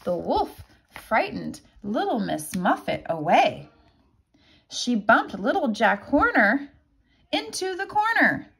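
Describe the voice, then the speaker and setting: With a slightly high, gravelly, husky voice, a woman teacher reads a children's picture book aloud, telling the story expressively and deliberately.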